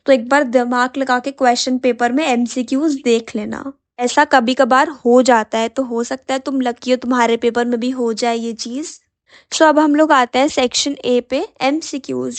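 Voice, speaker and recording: In a Hindi-English mix, a young woman talks straight to her students during an exam-prep lesson. Her voice is high and hoarse, sounding sore, with fairly even intonation and normal speed.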